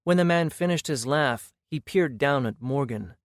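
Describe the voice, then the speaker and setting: A man reading a fantasy audiobook in steady, measured scripted narration. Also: medium pitch, dry recording, studio quality.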